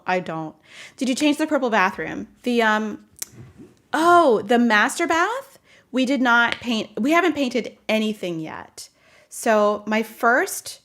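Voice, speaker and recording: A woman chatting casually from her home office, rambling, laughing often and answering viewers' comments as a stream host. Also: mid-range voice. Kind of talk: casual live chat.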